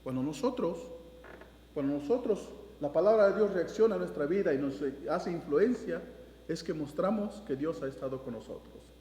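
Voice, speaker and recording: High-voiced man preaching in an echoey church. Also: lively intonation, normal speed, warm tone, a little hiss or hum. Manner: preaching with repeated restarts and quoted scripture. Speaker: pastor. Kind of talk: sermon. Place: church sanctuary. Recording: roomy church with long reverb.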